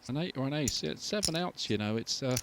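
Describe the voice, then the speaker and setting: A male commentator talks through poker hands in a relaxed, conversational way. He breaks down odds and player moves analytically and often ends with a tag question. His voice sits at an ordinary middle pitch, with faint noise behind it. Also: fast.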